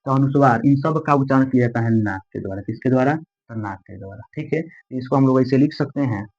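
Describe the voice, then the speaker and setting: A man teaching a grammar lesson, repeating key terms slowly and asking the class questions. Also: medium pitch, a little mellow, husky, dull audio. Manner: repetitive, drills terms slowly.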